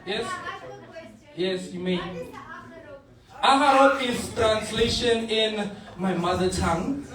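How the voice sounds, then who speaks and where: A young Namibian comic, high-pitched and taking it slowly, tells stand-up stories to a live bar audience while laughing through his lines and repeating himself. Captured on a distant mic, the echoey bar is noisy with the crowd.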